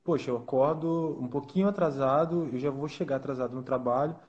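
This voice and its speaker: A man's voice: mid-range voice, brisk, a little mellow, highs cut off. A man hosts a casual live chat. His voice sits in a middle range. He speaks in a thoughtful way and sometimes restarts a phrase as he looks for words. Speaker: host.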